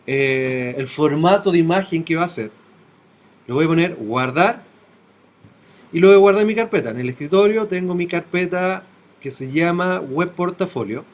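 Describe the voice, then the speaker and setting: Higher-voiced man teaching a class. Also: moderate pace. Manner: talks step by step, checking in with students. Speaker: web design teacher. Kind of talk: classroom software tutorial.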